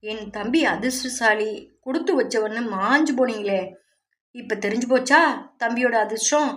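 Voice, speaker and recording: நாவல் வாசிப்பில் ஏளனம் கொப்பளிக்கும், அதிகாரம் செய்யும் இளம் ஓரகத்தி, ஒரு பெண் நடித்துக் காட்டுகிறார். அவள் குரலில் கேலியும் கூர்மையும் உள்ளது, குரல் சற்று உயரமானது. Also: female voice, on the high side, moderate pace, fairly bright tone, close to an everyday voice. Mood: scornful. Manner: scornful, bossy. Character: sharp-tongued mocking young sister-in-law.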